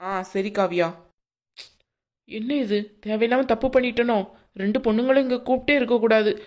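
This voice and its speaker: A woman's voice: fairly high pitch, normal speed, a little mellow, close to an everyday voice. A woman voicing a fretful older mother. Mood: worried. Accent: southern Tamil Nadu. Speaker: voice actor. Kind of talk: cartoon voice acting.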